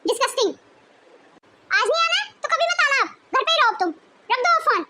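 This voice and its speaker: A woman's voice: very animated, a little fast, sharp tone, a little hiss or hum, exaggerated voice. A woman acting a haughty young wife who scorns her in-laws, snapping out insults in a home-video family drama. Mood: contemptuous. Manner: sneering and shrill, snapping out insults. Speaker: actor in a family drama skit.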